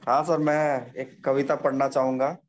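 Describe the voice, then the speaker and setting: A man's voice: medium pitch, level tone, moderate pace. A man over a video call, politely praising and then introducing his own poem. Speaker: poet.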